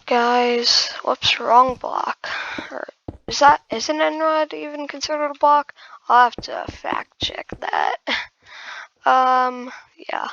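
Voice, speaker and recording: A woman's voice: high voice, steady tone, slow, creaky, sharp tone, no room sound. A woman hosting a casual gaming build tutorial, rambling and muttering asides to herself. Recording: dull lo-fi dry recording.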